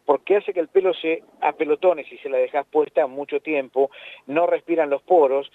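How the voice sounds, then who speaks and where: A man's voice: fairly high pitch, normal speed, no room sound. A man with a Rioplatense Spanish accent, a veterinarian explaining pet care in a casual radio chat, often repeating his words. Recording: tinny phone line.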